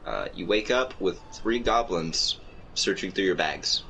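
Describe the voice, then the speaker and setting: A man narrating as game master of a tabletop game, halting often with uhs. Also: deep voice, sharp tone, a little hiss or hum, poor audio.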